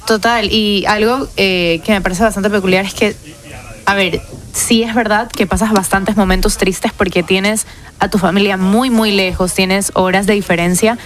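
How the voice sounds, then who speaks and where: A woman with an Ecuadorian accent chats casually on a radio show. She sounds warm and grateful. The recording was made in a studio. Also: mid-range voice, steady tone, moderate pace. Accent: Ecuadorian Spanish. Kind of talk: casual chat.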